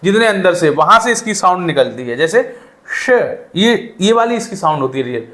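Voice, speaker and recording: A man teaching a reading lesson, drawing out each letter sound slowly and checking in with repeated "okay". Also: sits high, expressive, fairly bright tone, echoey room. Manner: slow, drawn-out letter sounds with repeated "ठीक है". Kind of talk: spoken Hindi reading lesson.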